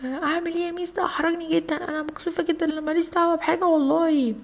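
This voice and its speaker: A woman's voice: very high-pitched, level tone, rapid-fire. A woman with an Egyptian Arabic accent narrating a children's toy story with gossipy asides.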